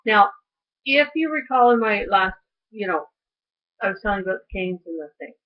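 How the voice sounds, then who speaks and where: A woman's voice: mid-range voice, expressive, a little fast. A middle-aged woman in a chatty vlog, telling a story and acting out the other people's lines. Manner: chatty storytelling, acts out quoted voices. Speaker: vlogger. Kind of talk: casual recovery update. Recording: tinny lo-fi audio.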